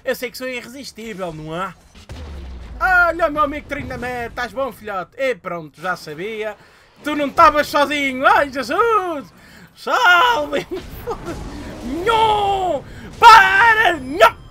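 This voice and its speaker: A young man with a European Portuguese accent giving live gameplay commentary, excitable and swearing, with shouting outbursts. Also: very high voice, normal speed, background noise. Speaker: gamer.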